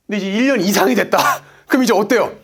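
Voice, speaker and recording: A coach in his forties gives a motivational business lecture, speaking emphatically and answering his own rhetorical questions. His high voice is husky and fast.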